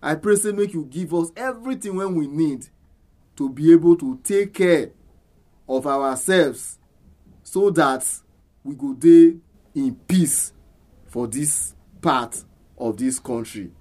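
A man's voice: on the high side, slow, mellow. A man with a Nigerian accent, a church elder, praying aloud in Nigerian Pidgin.

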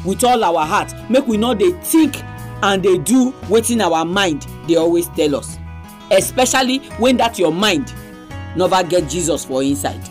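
A woman's voice: lowish voice, animated, moderate pace, soft background music. A woman with a Nigerian accent presenting a religious radio programme in Nigerian Pidgin. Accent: Nigerian, speaking Nigerian Pidgin.

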